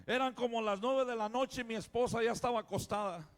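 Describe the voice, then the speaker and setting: Fervent preaching man, high-pitched. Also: a little fast. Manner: fervent preaching, rising to loud exclamations. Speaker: pastor. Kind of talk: sermon testimony.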